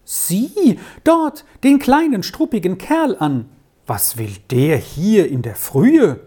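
A woman's voice: medium pitch, moderate pace, breathy edge, pitched above the performer's own voice. A woman doing an agitated, nervous lady. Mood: curious. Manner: agitated, excitable. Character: nervous, easily alarmed traveling lady.

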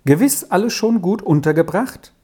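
A reader voicing an excitable village woman who talks in an agitated, pushy way. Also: medium pitch, moderate pace, husky, voice pushed up.

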